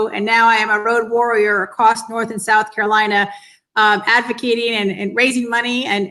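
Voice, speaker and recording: Speaking from indoors on an online call, this northeastern US woman in her fifties, director of a children's cancer charity, gives earnest, grateful answers as an interview guest. Her fairly high voice sounds pushed and bright on a rough recording.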